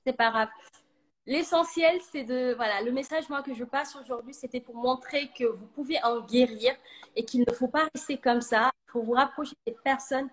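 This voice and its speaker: A woman coach speaking earnestly in short, halting phrases, her voice breaking up over a choppy live video stream from a phone. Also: sits high. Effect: choppy live-stream audio cutting in and out. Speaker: coach for women. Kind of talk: live video chat testimony. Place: at home on a noisy street with roadworks.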